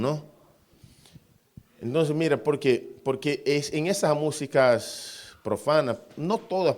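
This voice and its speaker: A man delivers a sermon on worship music in a lively, demonstrative way. He imitates rhythms out loud with spoken syllables, hums fragments of melodies and addresses his listeners as brother. His voice sits at an ordinary middle pitch. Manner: animated, mimics beats with syllables and hums tunes. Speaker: preacher.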